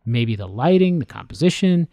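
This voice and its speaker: A man co-hosting a podcast, talking casually with dry deadpan jokes and a laid-back manner. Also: a little high, normal speed, no echo, muffled recording. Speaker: podcast co-host. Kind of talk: casual chat.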